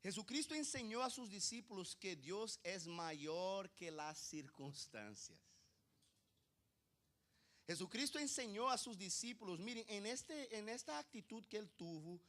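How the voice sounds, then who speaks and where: A male pastor preaching a sermon, asking the congregation rhetorical questions and swinging from quiet asides to loud emphasis. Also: high-pitched, very animated, a little slow.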